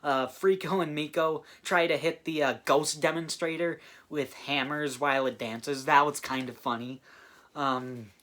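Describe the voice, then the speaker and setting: A man giving a casual movie review, halting with many fillers and restarts. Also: fairly high pitch, fairly even intonation, fairly bright tone. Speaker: film reviewer.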